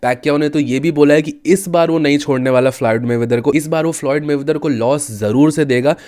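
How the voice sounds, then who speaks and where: A man's voice: a little high, a little fast, darkish tone. A young man giving casual combat sports commentary, chatting with viewers and often addressing them as brothers.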